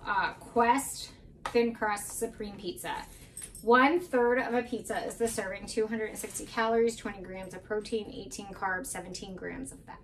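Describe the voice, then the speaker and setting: A woman's voice: mid-range voice, recorded from a distance, slight background noise. A woman in her thirties chatting casually and candidly through her groceries in a home kitchen. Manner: chatty, candid, self-deprecating asides. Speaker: vlogger. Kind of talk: casual grocery haul chat. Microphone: camera mic at a few feet.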